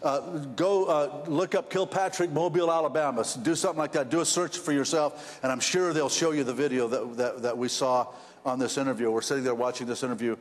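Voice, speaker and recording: A man preaching a sermon, rambling and repeating words as his storytelling builds in excitement. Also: medium pitch, a little fast, in a large hall. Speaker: pastor.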